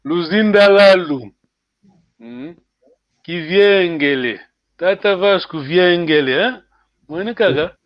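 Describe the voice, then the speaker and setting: A man teaching a language class over a call, repeating words slowly and checking in with "hein" after nearly every phrase. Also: sits high, no room sound, highs cut off. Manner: switches between French and Portuguese.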